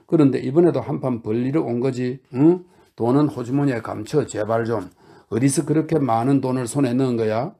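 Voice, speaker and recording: A fiery young woman who nags, coaxes and orders everyone about, as a male audiobook narrator puts her on. The voice is lifted and gravelly, with a dark, mellow tone and a sharp, insistent push. Each line is pressed hard, half teasing and half scolding. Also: medium pitch, fairly quick, natural voice. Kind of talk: audiobook character reading.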